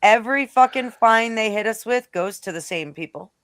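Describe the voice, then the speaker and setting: A woman's voice: fairly high pitch, expressive, normal speed, a bit bright, no room sound. A blunt woman who swears freely, talking casually in a live discussion. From Rhode Island, now Western New York.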